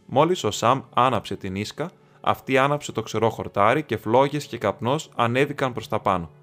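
A man from Greece reading an audiobook aloud in a steady, measured narration. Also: medium pitch. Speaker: audiobook reader. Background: faint music.

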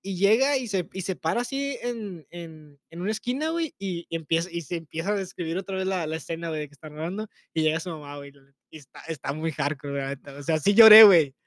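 Young mexican guy on a podcast, talks real fast and kinda high, teasing, dry close sound. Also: no room sound. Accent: Mexican Spanish. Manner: teasing, slangy, laughs often. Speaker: podcast co-host. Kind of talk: casual chat.

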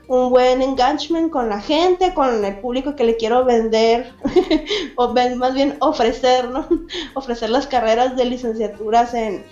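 On a call, a chatty, high-voiced woman from Mexicali, Baja California, Mexico, appears as the guest in a casual interview, as a cartoonist and event organizer. Her tone is darkish, she laughs often and uses plenty of fillers and restarts, and the sound is roomy and lo-fi.

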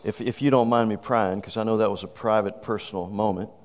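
Quick-paced and fairly even in intonation, a lowish-voiced man in his fifties preaches to and with a congregant. He exuberantly calls out praise and shouts "woo," his words echoing in a reverberant hall.

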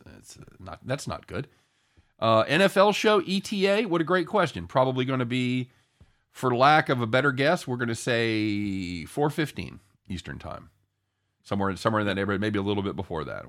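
A man's voice: fairly low pitch, fairly bright tone. A man hosting a live sports betting show in casual, jokey banter, irreverent and given to casual swearing.

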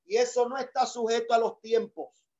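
A man's voice: very high voice, flat delivery, moderate pace, dark tone. Guy pastor preaching, repeats stuff for emphasis, kinda muffled audio. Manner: emphatic, repeats key phrases. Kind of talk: sermon with call-and-response.

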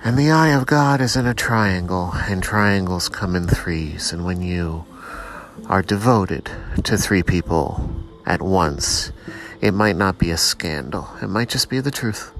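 A man's voice: low-pitched, measured pace, fairly bright tone, soft background music. A man hosting his own show in a rambling, self-mocking, preachy solo monologue. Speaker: podcast host.

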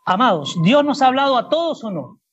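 A man's voice: extremely high pitch, big pitch swings, a little fast, muffled recording, a little hiss or hum. A man preaching a sermon to a congregation, emphatic and full of rhetorical questions. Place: church service before a congregation.

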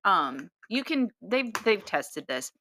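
A young woman co-hosting a casual podcast, talking in halting bursts with many restarts and trailing thoughts. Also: mid-range voice, sing-song, sharp tone, slight background noise. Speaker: podcast co-host. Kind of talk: casual chat.

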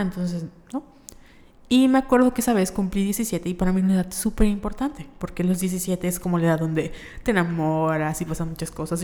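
A woman's voice: fairly low pitch, darkish tone. Chatty young Mexican woman, echoey room. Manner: chatty storyteller, acts out quoted voices. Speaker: podcast co-host. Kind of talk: casual chat.

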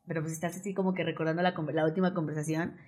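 A woman's voice: deep voice, little pitch movement, very fast, a little mellow. A woman with a Mexican accent, a guest in a casual chat, talking in a loose, chatty way with lots of fillers. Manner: chatty, many fillers like "como que" and "ay".

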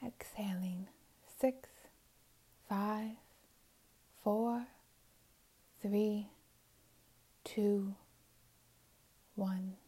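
Female meditation guide: very slow, mellow, soothing, half-whispered delivery. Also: medium pitch, fairly even intonation, breathy edge, low-quality recording. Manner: soft and soothing, slipping into whispers.

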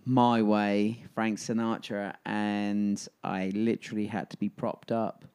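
Slow-talking man with an Alabama accent. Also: on the low side, little pitch movement, darkish tone, smooth. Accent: Alabama Southern. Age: 50s. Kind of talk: casual chat.

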